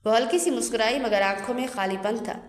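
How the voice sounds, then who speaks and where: A woman's voice: a little high, faint music behind. A woman narrating a dramatic story in an earnest, emotional way. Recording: echoey room with long reverb.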